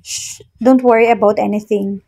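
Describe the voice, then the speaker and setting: A woman's voice: mid-range voice, steady tone, moderate pace, mellow, breathy edge. A woman voicing a desperate young billionaire fiancé, urgent and pleading, in a read-aloud love story. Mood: soothing.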